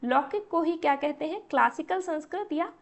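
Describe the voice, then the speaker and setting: Female lecturer, high-pitched, patient step-by-step exam-prep teaching, rhetorical questions. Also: expressive, moderate pace. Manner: explains step by step, asks and answers own questions.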